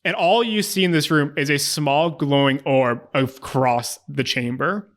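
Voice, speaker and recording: A man with a slightly high voice runs a tabletop game. He describes scenes casually and in detail, pausing and restarting as he looks for the right words. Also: fairly bright tone. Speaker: game master. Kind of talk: improvised tabletop game narration.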